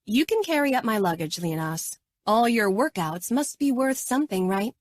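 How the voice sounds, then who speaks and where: A woman's voice: a little high, expressive, normal speed, no echo, studio quality, pitched above the performer's own voice. A woman voicing a sassy, teasing teenage girl who talks in a mocking sing-song.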